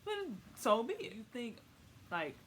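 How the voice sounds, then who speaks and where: In a sing-song, unhurried way, a young adult vlogger with a slightly high, bright voice gives a comic, casual explainer. She uses informal slang, rambles and repeats words for emphasis, recorded at home with faint noise.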